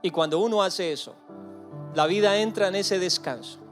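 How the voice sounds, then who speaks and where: A man preaching a sermon in earnest, slowing and softening on key phrases. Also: high voice, soft background music. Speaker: pastor.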